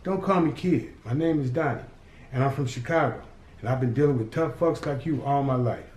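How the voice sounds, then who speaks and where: A man lightly acts the part of a cocky, streetwise teenage boy from the city who talks back to gangsters, sounding mouthy, defiant, and smart-alecky. His voice is medium-pitched, a little mellow, and fairly quick, with a roomy echo on the recording.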